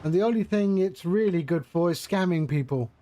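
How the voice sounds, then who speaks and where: A man's voice: high voice, animated, a little fast, mellow. A man streaming a flight simulator, chatting casually with his viewers, joking and laughing often. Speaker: flight sim livestreamer.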